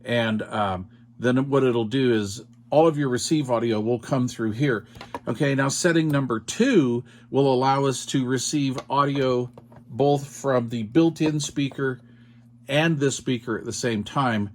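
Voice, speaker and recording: In an unhurried, medium-pitched voice over slight background noise, a man demonstrates a radio product. His explanation is informal and hands-on, moving step by step and pausing to check in with "all right" and "okay."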